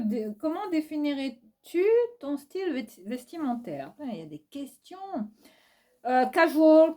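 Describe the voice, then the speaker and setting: A woman's voice: a little high, warm tone. Frank, chatty woman with a Réunionese accent. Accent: Réunionese French. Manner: chatty, frank and teasing, reads questions aloud then answers with laughs. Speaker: YouTuber answering viewer questions. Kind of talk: casual Q&A vlog.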